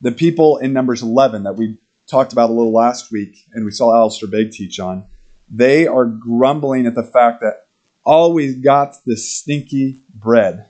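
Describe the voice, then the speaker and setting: A male pastor preaching a sermon in a conversational, animated way, acting out quoted lines and laughing between points. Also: mid-range voice, normal speed. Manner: animated, acts out quotes in character voices.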